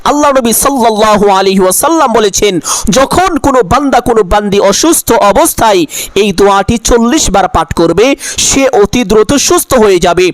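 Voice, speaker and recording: A man giving scripted religious instruction in an earnest, measured way, chanting the prayer phrases slowly and drawn-out. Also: high voice, lively intonation, no echo. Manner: measured, earnest preaching delivery. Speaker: religious teacher.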